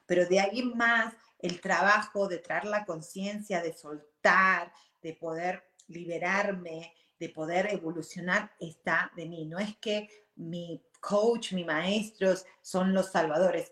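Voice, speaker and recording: A woman in her forties speaking candidly in a reflective personal monologue, animated and slipping English words into her talk. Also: medium pitch, roomy sound. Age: 40s.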